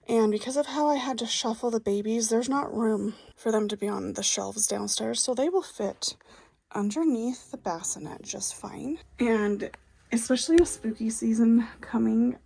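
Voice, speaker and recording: Breathy soft-spoken woman vlogging. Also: a little high. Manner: soft-spoken, often drops to a whisper. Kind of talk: casual vlog chat.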